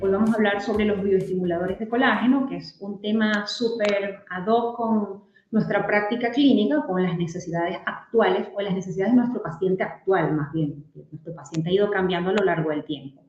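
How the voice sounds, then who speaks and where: A woman's voice: mid-range voice, normal speed, hardly any pauses, a little mellow, echoey room, muffled recording, faint music behind. A woman doctor from Venezuela gives a clinical lecture to colleagues. She explains things step by step and works through patient cases. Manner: explanatory, addressing colleagues with case examples. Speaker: aesthetic medicine doctor giving a webinar talk.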